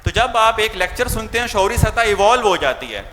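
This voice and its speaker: Bright-voiced Pakistani man lecturing teachers. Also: high-pitched, expressive, big-room sound, a little hiss or hum. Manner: mixes Urdu with English words, asks the audience questions. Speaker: English teacher.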